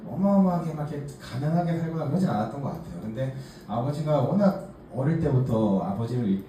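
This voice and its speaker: A man's voice: mid-range voice, mellow. Chatty Korean man in an echoey room. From Gangneung, Gangwon Province, South Korea. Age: 40s. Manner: chatty, self-mocking, many fillers. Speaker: case presenter at a workshop. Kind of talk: personal story talk to a group. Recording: echoey room, distant mic, faint hiss.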